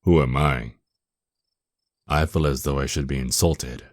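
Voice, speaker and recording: A man playing a dominant, seductive, menacing male vampire lord in an ASMR roleplay, with a very deep voice and a possessive, taunting, mock-tender manner. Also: fairly even intonation, a little slow, dry recording, clean studio sound. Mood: haughty, commanding. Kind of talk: ASMR roleplay, intimate scripted monologue.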